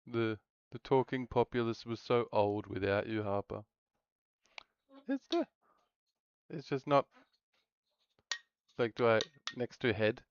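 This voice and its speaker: A man's voice: mid-range voice, steady tone, unhurried, clear, resonant tone, muffled recording. A man streaming a game, chatting casually with viewers and rambling to himself as he plays. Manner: rambling, talks to himself while playing. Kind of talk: casual live-stream chat.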